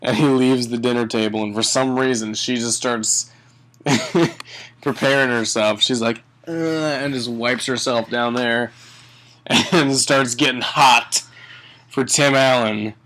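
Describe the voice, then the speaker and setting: A man giving a casual comedic movie review in a tipsy, halting ramble, swearing and often chuckling mid-sentence. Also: medium pitch, steady tone, fairly bright tone. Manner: tipsy, drunken rambling delivery. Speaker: film reviewer.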